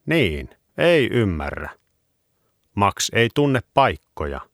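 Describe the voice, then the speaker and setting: A patient grandfather from a children's storybook speaks in a very deep, calm, reassuring voice, as a man acts him out. The lines lift lively in pitch and sound dry and close. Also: dry recording.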